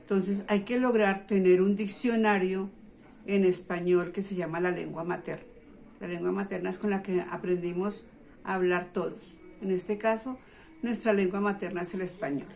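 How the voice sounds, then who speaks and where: A woman's voice: mid-range voice, steady tone, moderate pace, vocal fry, a little mellow, slight background noise. Patient woman teacher explaining to parents. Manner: patient, checks in with listeners often.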